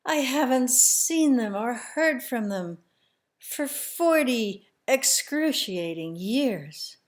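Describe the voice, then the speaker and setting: A woman telling a family story in the first person, slow and emotional, sometimes dropping to a hushed near-whisper. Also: a little high, lively intonation.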